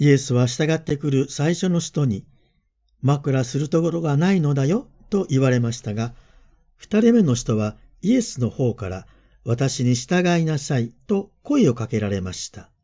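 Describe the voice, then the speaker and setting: Calm, mellow Japanese priest giving a homily. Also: male voice, medium pitch. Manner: calm, reflective, measured delivery. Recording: dull lo-fi voice message.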